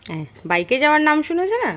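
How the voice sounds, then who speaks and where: A higher-voiced woman talks to a small child at home. She coaxes and repeats herself in a playful, pleading way. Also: very animated, racing, fairly bright tone. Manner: coaxing, repetitive. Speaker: mother filming her child. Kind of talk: coaxing baby talk.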